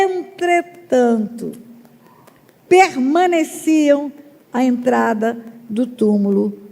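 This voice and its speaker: High, gravelly woman pastor preaching. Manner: emphatic preaching with sudden loud rises and drawn-out words. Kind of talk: sermon. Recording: long reverb of a large hall.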